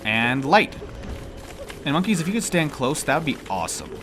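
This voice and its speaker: A man's voice: fairly high pitch, very animated, moderate pace, background noise. A man with a nasal voice, congested from allergies, thinking aloud and grumbling in casual gameplay commentary. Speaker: gamer commentating on own play. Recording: music behind the voice. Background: game music.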